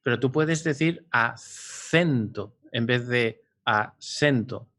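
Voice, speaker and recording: A man's voice: medium pitch, slow pace, fairly bright tone. Curious man asking questions. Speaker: podcast host. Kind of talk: casual podcast conversation.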